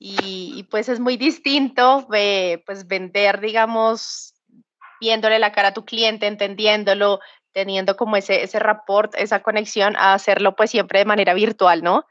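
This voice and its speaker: A woman in her thirties with a Bogotá Colombian accent, a podcast guest who talks with frequent pauses and restarts. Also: medium pitch, fairly even intonation, a bit bright, no room sound. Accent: Bogotá Colombian Spanish. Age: 30s. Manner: hesitant, many fillers and restarts. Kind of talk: conversational interview. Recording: dull lo-fi remote audio.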